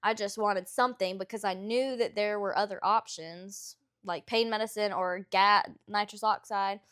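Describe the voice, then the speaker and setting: A woman's voice: mid-range voice, steady tone, normal speed, fairly bright tone. A young adult woman co-hosting a podcast, talking candidly in a casual, rambling way with lots of fillers and the odd swear word. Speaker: podcast co-host. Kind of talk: casual chat.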